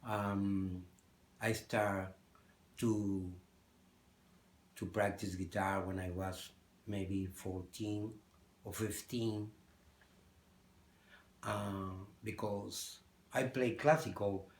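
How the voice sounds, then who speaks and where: A man from Peru with a Spanish accent, a guitarist answering interview questions in halting English. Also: lowish voice, level tone, vocal fry, echoey room. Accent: Peruvian Spanish. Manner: halting, searching for English words. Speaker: guest guitarist. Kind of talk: interview conversation.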